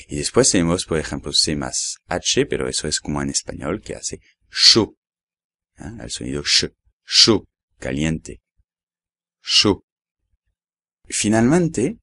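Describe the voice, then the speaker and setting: A man's voice: low-pitched, no echo. A man from France teaching a language lesson, patiently explaining and repeating words one at a time. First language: French. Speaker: French teacher.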